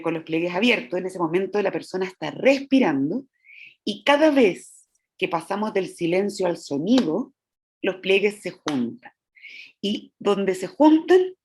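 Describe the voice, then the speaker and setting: A woman's voice: mid-range voice, breathy edge. Woman lecturing on the voice. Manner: explanatory, checks in with "¿ya?"; demonstrates vocal sounds. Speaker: voice teacher. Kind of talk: lecture to teachers.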